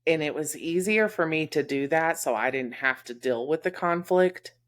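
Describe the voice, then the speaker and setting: A woman's voice: low-pitched, normal speed. A woman from Texas with a Texas accent, co-hosting a podcast and talking candidly about friendships with many fillers. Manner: candid, heartfelt, lots of fillers. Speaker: podcast co-host. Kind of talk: casual chat.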